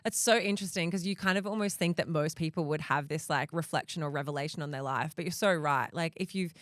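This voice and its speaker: A woman with a low voice hosts a conversational podcast. She sounds thoughtful and lets her reflective questions wind along. The sound is dry, with hardly any room in it. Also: quick pace, no echo. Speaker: podcast host interviewing a guest.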